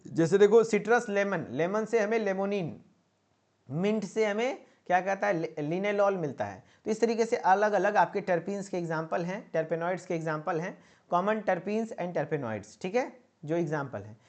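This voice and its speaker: This man's high voice is animated yet darkish in tone, moving at normal speed. As a pharmacy teacher running an online exam-prep lecture, he repeats his points and coaxes students with "okay?".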